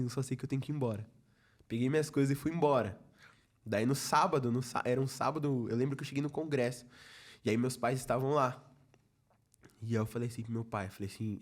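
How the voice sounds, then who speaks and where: A young Brazilian man who leads a youth ministry tells his faith testimony as a podcast guest in casual conversation, not a performance. He speaks fast in a middle-pitched, darkish voice with fairly even intonation, storytelling in a chatty way. He keeps acting out what others said to him, with many "falei assim" asides.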